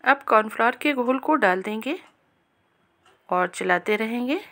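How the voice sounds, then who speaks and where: A female cooking-channel host narrates a recipe step by step, calm and speaking directly to viewers. Her voice is a little high and her delivery unhurried.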